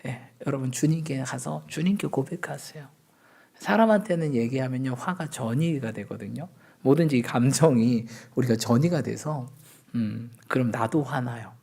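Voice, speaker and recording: A man's voice: medium pitch, moderate pace, vocal fry, a little mellow, breathy edge. A man, a pastor, preaching a sermon at a Friday night church service. He acts out everyday quarrels and keeps asking the congregation for agreement.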